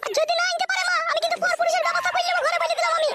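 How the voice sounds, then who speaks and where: A woman's voice: very high-pitched, little pitch movement, rapid-fire, background noise. A young woman voicing a demanding, shameless young wife from a village in a cartoon, whining and complaining. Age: young adult. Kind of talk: cartoon voice acting.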